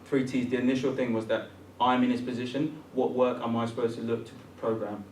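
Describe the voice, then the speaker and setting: Speaking a little fast in a flat, mid-range and slightly mellow voice, a guest programmer takes part in a conversational discussion at a public talk event. Born in England and partly raised in Ghana, he searches for words with many ums and restarts, heard through a distant mic in a roomy space with faint ambience and slight background noise.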